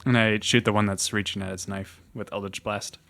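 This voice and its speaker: A man's voice: fairly low pitch, fairly even intonation, fairly quick, gravelly, background noise. A man talking casually as a player in a tabletop role-playing game, describing what his character does.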